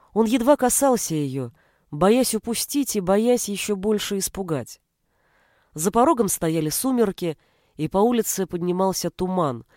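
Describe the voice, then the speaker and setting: A narrator reading a fantasy novel aloud in a steady storytelling manner. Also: mid-range voice, no echo, studio quality. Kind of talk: audiobook narration.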